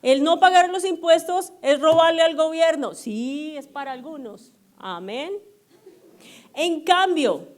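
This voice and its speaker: A middle-aged woman pastor, telling personal stories to her congregation in an animated, self-mocking way and checking in with the audience often. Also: high-pitched, takes it slowly. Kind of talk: storytelling sermon to a congregation. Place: church service.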